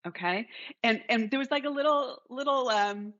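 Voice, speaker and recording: A woman's voice: fairly high pitch, moderate pace, a bit bright. Woman interview host, reflective, restarts phrases; muffled lo-fi audio. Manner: thoughtful, restarts phrases, steers the talk. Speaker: podcast host. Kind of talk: casual interview chat.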